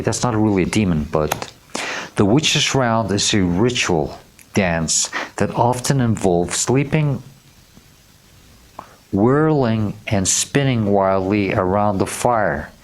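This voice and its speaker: A man with a very low voice gives a tarot reading to camera. He talks slowly and gently, reading card meanings aloud and tripping over unfamiliar names. He keeps checking in with his listeners. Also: lively intonation. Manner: gentle and earnest, often checking in with "okay?". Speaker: tarot reader.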